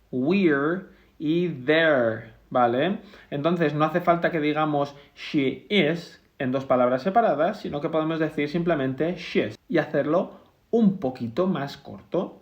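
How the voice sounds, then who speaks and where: A man from Spain with a Spanish accent, teaching English grammar and patiently repeating examples step by step. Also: a little high. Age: adult, over 20. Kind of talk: grammar lesson.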